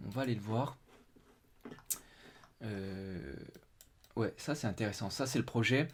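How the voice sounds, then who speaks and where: A man's voice: fairly low pitch, unhurried, slight background noise. A man hosting a casual live stream, thinking aloud as he goes through a web page, with many fillers and restarts. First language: French.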